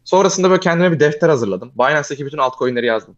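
A young man telling a long personal story in casual chat, fast and animated, often calling the listener "abi". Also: a little high, muffled recording.

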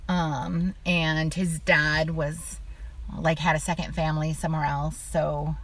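Chatty middle-aged woman, lower voice. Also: little pitch movement, a little slow, fairly bright tone. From Illinois, USA. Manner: chatty, many "like" fillers, laughs while telling stories. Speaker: interview guest. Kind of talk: casual conversational interview.

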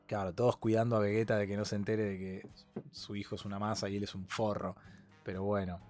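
A man with a Rioplatense accent co-hosting a casual podcast chat, lively and laughing often while acting out quotes. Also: lowish voice, fast talker, faint music behind. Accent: Rioplatense Spanish. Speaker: podcast co-host.

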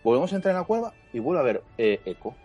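Guy on a gaming podcast, kinda high voice, rambles and gets animated. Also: very fast, husky, soft background music. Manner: animated storytelling with many fillers. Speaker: podcast co-host. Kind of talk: casual chat.

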